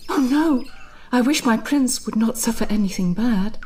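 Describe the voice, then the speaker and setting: A woman's voice: on the high side, lively intonation, normal speed, darkish tone, close to an everyday voice. A woman voicing a blind, captive young princess in a game, fond and pleading in tone. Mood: anxious. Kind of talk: game cutscene voice acting.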